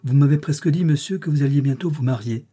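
A man reading an audiobook, voicing a reserved and firm young woman governess in measured, restrained dialogue. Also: fairly high pitch, warm tone, husky, pitched above the performer's own voice. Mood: earnest.

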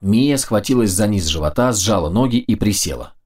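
A man narrating a fantasy audiobook in a steady, measured storytelling manner. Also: on the low side.

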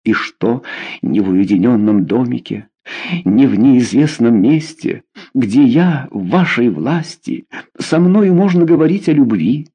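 A man voicing a proud, wounded young queen in an audiobook, speaking softly and wistfully. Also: mid-range voice, expressive, a little slow, breathy edge.

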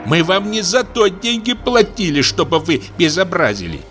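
A man's voice: sits high, animated, normal speed, fairly bright tone, faint music behind. A man voicing a scolding plain old mother. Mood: indignant. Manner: scolding, plain-folk speech. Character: fussy lower-class older mother, indignant.

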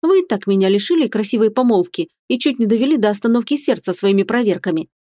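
A woman reading an audiobook, voicing a young woman in love with a high, emotional delivery. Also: expressive, fast, dark tone, no room sound, studio quality, close to an everyday voice. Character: young woman, anxious then joyful bride.

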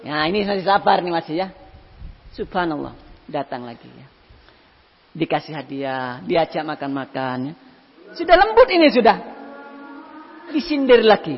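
A man's voice: a little high, moderate pace, vocal fry, long pauses, faint music behind. A man giving an Islamic sermon, telling stories and acting out the people in them. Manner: animated storytelling with voiced quotes. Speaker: ustadz. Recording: dull lo-fi hall recording.

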